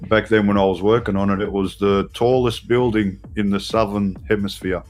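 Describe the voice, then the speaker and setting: Middle-aged Australian man, lowish voice, easygoing livestream banter with swearing and "mate"s. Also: steady tone, moderate pace, darkish tone, faint music behind. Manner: loose, swearing, lots of "mate" and fillers. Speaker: livestream co-host. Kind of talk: casual chat.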